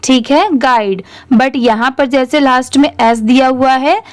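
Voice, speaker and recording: Young woman teacher sounding out english words letter by letter, slow and steady. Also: high voice. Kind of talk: Hindi-language reading lesson.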